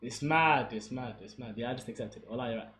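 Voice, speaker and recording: Live match commentary comes from a young streamer with a mid-range voice who talks a little fast. He's casual and excitable, calling the football action and talking with his chat in between plays, in an echoey room with faint background noise.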